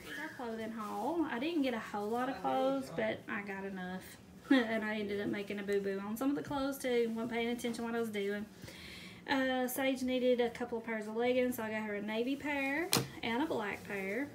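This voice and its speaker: A woman's voice: a little high, normal speed, a crowd in the background. A middle-aged woman, chatting casually to her viewers while she shows off a grocery haul at home and laughs often. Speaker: vlogger showing a grocery haul. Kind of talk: casual chat. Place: indoors at home, camera pointed at groceries. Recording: loud background noise.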